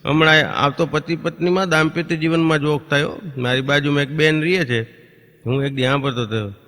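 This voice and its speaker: This man's fairly high, slightly bright voice keeps a fairly even intonation as he performs stand-up folk comedy. Between stories he does rapid impressions of neighbours and kids, all echoing with the long reverb of a stage hall.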